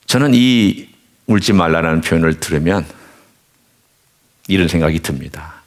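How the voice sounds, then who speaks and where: A man preaching a sermon as a pastor, dropping to low asides and rising to impassioned, high peaks. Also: animated, moderate pace.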